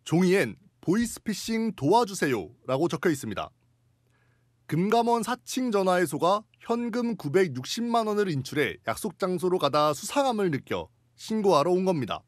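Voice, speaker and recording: Guy reporting news from a script, high lively pitch, super dry sound. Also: normal speed, no echo.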